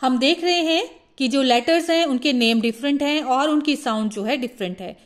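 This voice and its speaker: A woman teaching a phonics lesson for parents, demonstrating each letter sound slowly. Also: sits high.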